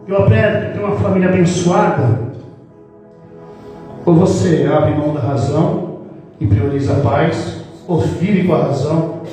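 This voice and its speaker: This pastor's voice is slightly high and dark-toned, moving at a moderate pace with long pauses. In a church hall he preaches playfully, teasing the congregation and acting out family moments, recorded from afar with roomy hall reverb and music behind.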